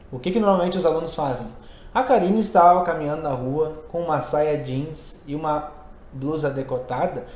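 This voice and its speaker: A man's voice: fairly high pitch, a little mellow. A man who teaches English and Portuguese, hosting a casual podcast and explaining ideas conversationally while thinking aloud. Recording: roomy echo.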